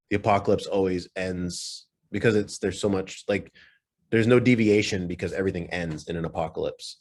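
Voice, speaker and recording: Guy with a really low voice chatting on a podcast, rambles, keeps restarting mid thought. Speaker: podcast co-host. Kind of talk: casual chat.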